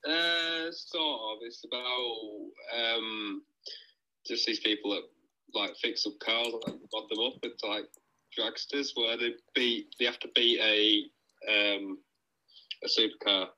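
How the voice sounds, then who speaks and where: A man's voice: medium pitch, fairly even intonation, slow pace, bright, forceful tone, roomy sound, slight background noise, poor audio. A man chatting casually on a call, heard through a phone speaker, laid-back and hesitant with lots of fillers. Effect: heard over a phone speaker. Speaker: podcast guest on a call. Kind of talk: casual chat.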